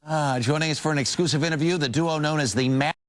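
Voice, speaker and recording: Brisk male morning news anchor. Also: a little high. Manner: brisk, jokey. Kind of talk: studio interview. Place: TV studio.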